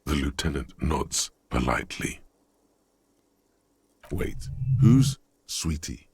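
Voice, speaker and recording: An actor voicing a sardonic inner narrator in a video game who comments dryly on events. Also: male voice, extremely low pitch, animated, takes it slowly, a little mellow, breathy edge, heavily acted. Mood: wry. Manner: dry, wry. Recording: game narration with faint music.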